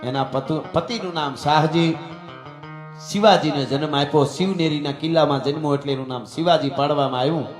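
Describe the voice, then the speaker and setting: A man's voice: fairly high pitch, a little fast. A man with a Kathiawadi Gujarati accent telling a folk tale on stage in a dramatic, rousing way, often turning to his listeners. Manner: dramatic, rousing delivery with asides to friends. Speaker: folk storyteller. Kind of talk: dayro folk storytelling on stage. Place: stage at a live gathering. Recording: echoey hall with faint music.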